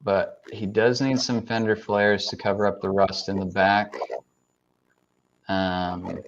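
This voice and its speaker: A man's voice: on the low side, flat delivery, unhurried, a little hiss or hum. A man co-hosting a casual talk show, chatting in a laid-back, hesitant way. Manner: laid-back, hesitant with ums and I-don't-knows. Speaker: co-host. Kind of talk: casual chat reviewing trucks. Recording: dull lo-fi sound.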